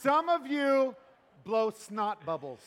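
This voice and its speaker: A man preaching a sermon as pastor, joking and animated, pausing for an interpreter. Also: very high-pitched, big-room sound.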